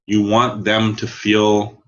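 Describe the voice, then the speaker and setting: A man telling a personal story as an interview guest, candid and halting, repeating words as he searches for phrasing. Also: fairly low pitch, monotone, muffled recording.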